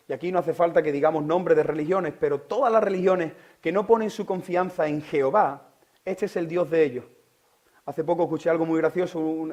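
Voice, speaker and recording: A man from Spain preaching a sermon, asking the listeners direct questions and swinging from loud preaching to hushed whispers. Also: fairly high pitch. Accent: Spain Spanish. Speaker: pastor.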